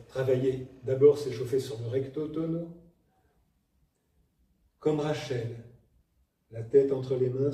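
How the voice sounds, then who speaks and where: A man teaching poetry declamation, explaining technique in a demonstrative, animated way and breaking into examples. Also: mid-range voice. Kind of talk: spoken lesson on verse recitation. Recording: echoey room from a distance, faint noise.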